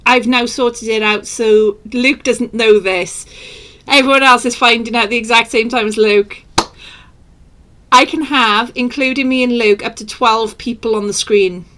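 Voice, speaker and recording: Chatty woman co-host, on the high side, casual and lively. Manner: chatty, lively, quick asides. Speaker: podcast co-host. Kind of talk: casual chat.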